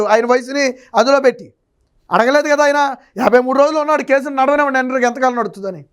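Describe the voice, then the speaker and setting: Telugu political analyst, male, very high clear voice, mocking rhetorical delivery. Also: a bit bright. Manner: mocking, rhetorical, quotes others in exaggerated tones. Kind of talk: political commentary.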